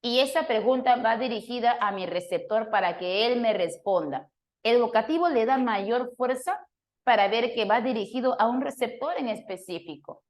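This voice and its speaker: A woman leads a classroom review, her voice sitting a little on the high side. She explains patiently and works through each point. She often stops to put a question to a student by name. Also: moderate pace. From Peru. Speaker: language teacher.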